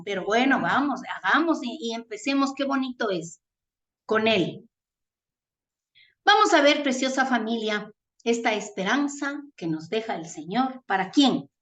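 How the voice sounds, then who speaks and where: A woman's voice: fairly high pitch, animated, unhurried, fairly bright tone. A woman from Ecuador preaching a sermon, earnest and tender, calling her listeners family. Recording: echoey room.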